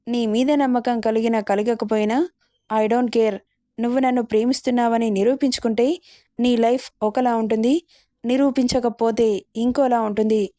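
A man's voice: very high voice, mellow, no room sound, studio quality. A woman voicing a bossy, domineering man in his late twenties, the romantic hero of a spoken storybook. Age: 20s. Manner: domineering, commanding.

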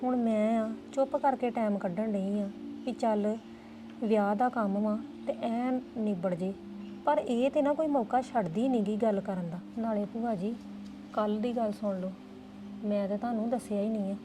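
A woman's voice: medium pitch, normal speed, background noise. A woman playing a young woman in a family drama, complaining and defensive. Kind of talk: Punjabi family drama dialogue.

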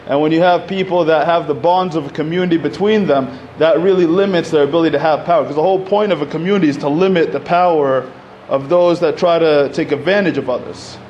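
A man in his thirties gives an unscripted talk into a podium microphone in a community center. His voice sits a little high for a man, and his speech is loose and conversational, full of fillers and restarts. Faint hiss and room noise hang under his voice. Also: quick pace, hardly any pauses, darkish tone, muffled recording. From Egypt. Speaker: panel speaker. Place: community center hall, indoors.

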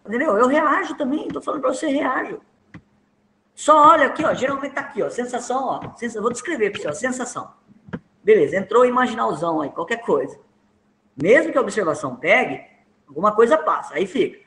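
A man's voice: very high-pitched, expressive, a little fast, sharp tone, a little hiss or hum. Blunt, slangy man in an echoey room. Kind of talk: casual explanatory conversation.

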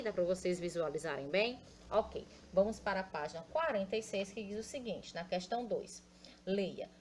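A Brazilian woman with a slightly raised voice teaches a children's grammar lesson at a very unhurried pace. She repeats each word slowly and spells its letters aloud, warmly calling her pupils her dears. A faint hum and hiss sit under the recording. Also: fairly high pitch. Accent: Brazilian Portuguese. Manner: slow, patient, spells out letters and repeats words syllable by syllable; affectionate with pupils. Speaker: primary school teacher.

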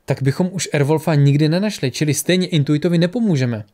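A man voicing a calm, aloof male wizard who explains matter-of-factly in an audiobook. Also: a little high, lightly acted.

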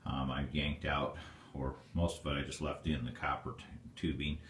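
A man with a very low voice walks through his dark stone basement. He films on a handheld phone and talks in a plainspoken, rambling way. The sound echoes in the basement room, with a faint hum behind him. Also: flat delivery, moderate pace. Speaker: homeowner giving a basement tour. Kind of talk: casual walkthrough narration. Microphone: handheld phone camera.

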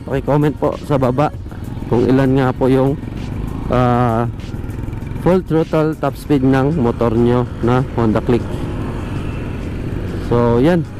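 A man's voice: mid-range voice, noisy background. A man with a Filipino accent, hosting a motorbike vlog in a casual, filler-heavy way. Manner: relaxed, filler-heavy talk with frequent "ah" and "mga buddy". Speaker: motovlogger host. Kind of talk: casual vlog talk to viewers.

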